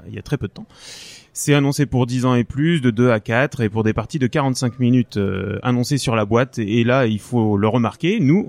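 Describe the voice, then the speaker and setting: A man's voice: mid-range voice, darkish tone, no echo. A man reviewing a board game casually as a podcast panelist, explaining things with dryly humorous asides.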